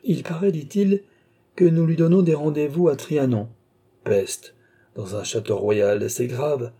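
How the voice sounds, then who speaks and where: A man's voice: on the high side, unhurried, warm tone, voice pushed up. A man voicing an old duke and marshal in an audiobook, sly and teasing, with a lightly threatening, knowing tone. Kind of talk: audiobook reading.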